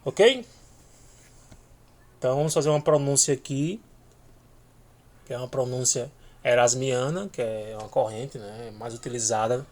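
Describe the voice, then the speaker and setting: A man teaching a video lesson, speaking slowly and repeating each letter name for learners to follow. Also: medium pitch, darkish tone.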